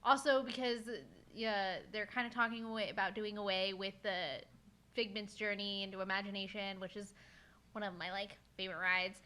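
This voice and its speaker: Bright-voiced woman chatting casually. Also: medium pitch, flat delivery, moderate pace. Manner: chatty, swears, many fillers. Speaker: podcast co-host. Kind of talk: casual chat.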